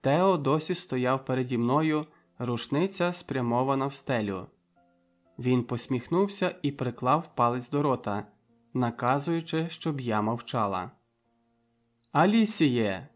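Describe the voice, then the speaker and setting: A man's voice: mid-range voice, a little slow. Man narrating an audiobook, faint music. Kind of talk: scripted narration.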